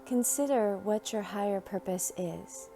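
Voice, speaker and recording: Speaking at medium pitch with some vocal fry, a woman narrates a soothing guided meditation, unhurried and leaving long pauses between phrases. Faint music sits behind her voice.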